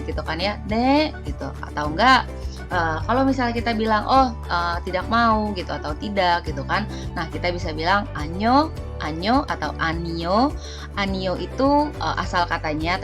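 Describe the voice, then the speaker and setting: A woman giving a casual language lesson as a vlogger, chatting along and repeating example phrases slowly and brightly. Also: on the low side.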